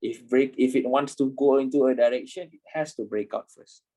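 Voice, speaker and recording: A man's voice: medium pitch, a little fast, warm tone, rough recording. A man in his twenties, a trading instructor talking informally in an online class, repeating himself and swearing casually. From Malaysia. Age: 20s.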